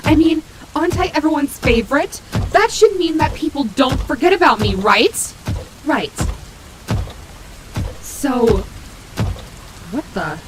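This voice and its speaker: A woman's voice: sits high, sing-song, slow pace, pauses often, exaggerated voice. Sassy wolf animatronic woman acting, rain behind. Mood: vain, annoyed, then puzzled, uneasy. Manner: sassy, casual, swearing, muttering asides to herself. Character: female animatronic wolf, vain, sassy, turning protective and maternal. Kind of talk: character audio roleplay, speaking to listener. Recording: heavy rain and thunder noise behind. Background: rainstorm sound effects.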